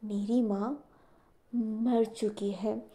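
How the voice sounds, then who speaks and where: A woman's voice: a little high, steady tone, extremely slow, warm tone. A woman voicing a defiant, bitter young woman in a fan fiction reading, with a cold, cutting and scornful delivery. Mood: cold defiance.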